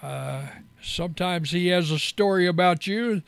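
Radio host guy, pretty high voice, folksy and hesitant, dry sound. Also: normal speed, creaky, clear, resonant tone, no echo. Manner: folksy, hesitant, many fillers. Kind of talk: radio interview.

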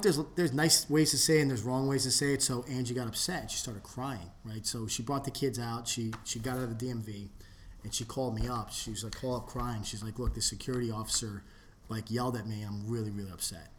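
A man in casual podcast chat, telling a long story with many restarts and trailing off into low mutters. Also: fairly quick, a bit bright, slight background noise. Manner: rambling, restarts often, drops to a low mutter when quoting.

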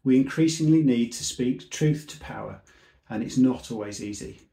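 In an echoey room, a civil servant offers a sincere, measured seminar talk whose phrases trail away. He speaks at medium pitch with a creaky, warm voice.

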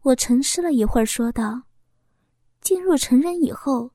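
A woman narrating a first-person story in an intimate, hushed storytelling manner. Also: high voice, lively intonation, normal speed, no room sound, studio quality.

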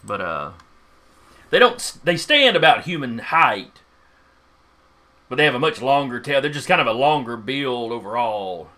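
A man narrating a tabletop game as game master, informal and halting as he improvises. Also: medium pitch, sing-song, pushed and bright.

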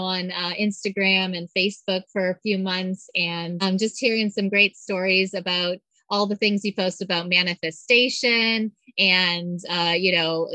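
A woman's voice: mid-range voice, sharp tone, no echo, low-quality recording. A woman hosting a spiritual podcast, interviewing a guest in an enthusiastic, casual way with some fillers. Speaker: podcast host.

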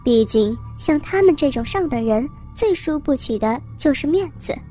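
Woman narrator, high bright pitch, steady story reading, faint music underneath. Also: moderate pace. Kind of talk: scripted narration.

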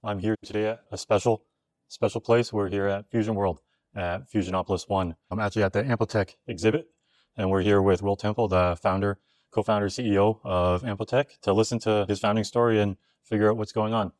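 A man hosting a podcast, reading a scripted intro and asking interview questions in a measured, upbeat way. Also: fairly low pitch, fairly even intonation, darkish tone, no room sound. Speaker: podcast host.

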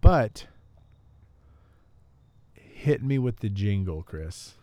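A man's voice: fairly low pitch, big pitch swings, extremely slow, dark tone, dry recording. A man in his thirties co-hosting a podcast, rambling and laughing at himself in casual chat. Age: 30s. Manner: rambling, laughing, self-deprecating. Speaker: podcast co-host.

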